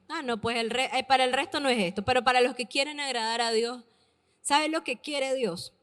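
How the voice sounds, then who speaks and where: Female preacher, high pitch, emphatic and repetitive delivery, long hall reverb. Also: pushed and bright. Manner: emphatic, repeats key words slowly for stress. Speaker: preacher addressing youth and parents. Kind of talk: sermon.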